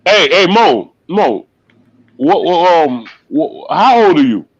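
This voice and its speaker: A man in his forties on a live stream call, talking in a slow, laid-back way and swearing casually. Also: fairly high pitch, sing-song, husky, no echo, muffled recording. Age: 40s. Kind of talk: casual group chat.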